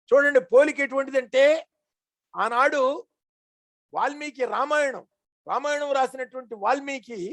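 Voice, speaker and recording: A woman giving a devotional discourse. She tells old stories with animation, chants Sanskrit verses slowly and then explains them. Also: sits high, no room sound, clean studio sound. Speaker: religious storyteller.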